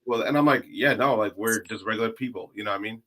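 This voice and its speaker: A man's voice: lowish voice, fast talker, a bit bright. A man telling a personal story in a laid-back, casual way, full of "like". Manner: laid-back, uses lots of "like".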